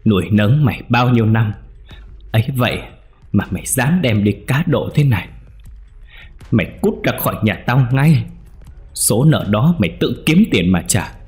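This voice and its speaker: A man's voice: on the low side, animated, moderate pace, long pauses, a little mellow, voice pushed up, close to an everyday voice. A man voicing an angry elder brother who curses harshly. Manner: harsh cursing.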